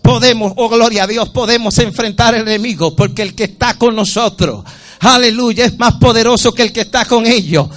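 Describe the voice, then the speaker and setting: A man preaching a sermon as pastor, chanting and shouting fervently, then dropping to a hush. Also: very high voice, fairly quick.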